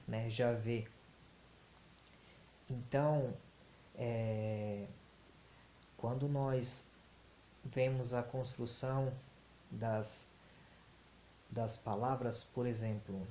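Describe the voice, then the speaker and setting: A man teaching about Hebrew grammar, speaking haltingly with many fillers and restarts. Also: mid-range voice. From Brazil. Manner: slow, deliberate, flat delivery. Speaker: Bible teacher. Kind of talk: explanatory talk on Hebrew grammar. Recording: echoey room with faint hiss.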